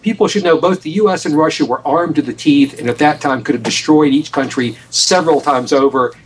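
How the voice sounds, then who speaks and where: A man's voice: fairly high pitch, fairly quick, far from the mic, slight background noise, poor audio. An American man telling a story as an interview guest, emphatic, often repeating and restarting his phrases. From United States. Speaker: guest author on a radio show.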